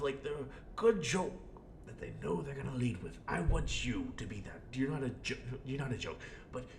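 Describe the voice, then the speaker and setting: A man voicing an unhinged, menacing clown supervillain in a rambling, theatrical audio roleplay, with a gravelly voice and smug manner. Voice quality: gravelly, creaky. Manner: rambling, theatrical, swinging from mutters to outbursts. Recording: roomy echo, faint rumbling noise.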